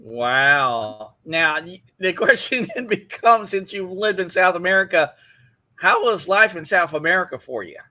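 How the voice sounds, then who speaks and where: A man's voice: high voice, animated, a little slow, bright, forceful tone. A man hosting a live-streamed interview, asking his guest questions with curiosity over a video call. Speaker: host. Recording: dull lo-fi call audio.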